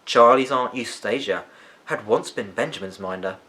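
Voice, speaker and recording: A man reads a children's story aloud, narrating expressively. His voice sits in the mid range and he keeps a moderate pace.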